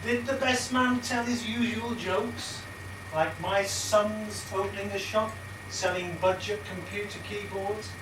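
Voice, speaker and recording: A man's voice: high-pitched, steady tone, a little slow. A man playing a chatty pantomime organist with theatrical, jokey delivery. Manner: theatrical joke-telling. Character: chatty pantomime wedding organist telling old jokes. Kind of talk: broad amateur pantomime stage acting. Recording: echoey noisy stage from far off.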